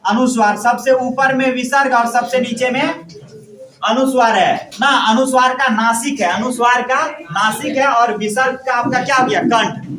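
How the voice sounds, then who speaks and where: Male teacher, very high voice, repetitive question-and-answer drilling, echoey room. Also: steady tone, normal speed, a bit bright. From India. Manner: asks questions and answers them himself, repeating each point. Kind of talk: classroom grammar lesson.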